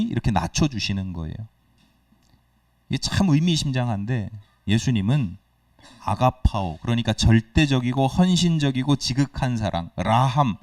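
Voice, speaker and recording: A man's voice: medium pitch, darkish tone, dry recording, distant mic. A male pastor preaching a sermon, explaining with questions to the congregation and acting out quoted dialogue. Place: church sanctuary. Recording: dry sound, speaker away from the mic.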